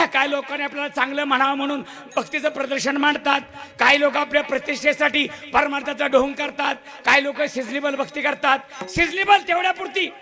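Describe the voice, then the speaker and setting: Brief: male folk preacher-comedian, high, bright, gravelly voice, loud and preachy. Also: fairly even intonation, brisk. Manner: loud, preachy, scolds the crowd. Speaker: bharud folk performer. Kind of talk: comic folk sermon to a live audience.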